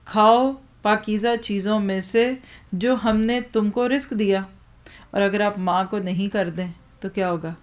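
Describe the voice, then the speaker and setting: A woman teaching a religious lesson on Quranic Arabic grammar, explaining step by step, asking the class questions and reciting verses slowly. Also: medium pitch.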